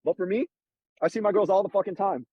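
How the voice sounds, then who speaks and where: A man's voice: high-pitched, quick pace, breathy edge, dry recording, dull audio. A man hosting a casual advice chat, blunt, profane and streetwise, talking from a car. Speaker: host giving dating advice.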